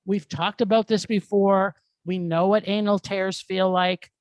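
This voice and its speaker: A woman's voice: mid-range voice, fairly even intonation, unhurried, a little mellow, clear, resonant tone, no room sound. A woman co-hosting a film podcast, ranting with exasperation and plenty of swearing. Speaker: podcast co-host. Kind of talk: casual film review chat. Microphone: studio mic.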